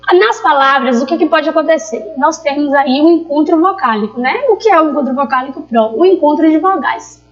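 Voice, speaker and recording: A Brazilian woman with a high, bright-toned voice teaches a recorded grammar lesson. She explains patiently and stretches out each example word so the class can hear it. The recording sounds dull and lo-fi. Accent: Brazilian Portuguese. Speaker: primary school teacher.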